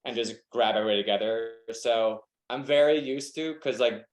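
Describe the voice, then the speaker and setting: A young wedding photographer with a Southern American accent chats casually in a webinar, speaking briskly in a medium-pitched voice. He's relaxed and rambling, leaning heavily on "like," and the room sounds echoey.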